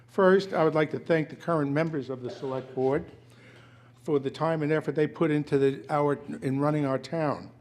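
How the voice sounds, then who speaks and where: An elderly man with a hoarse, failing voice, reading a prepared statement at a town meeting in a formal but halting way, often correcting himself. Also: a little high, fairly even intonation, darkish tone. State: hoarse, losing his voice. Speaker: resident speaking at a town meeting. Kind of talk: prepared public statement read aloud.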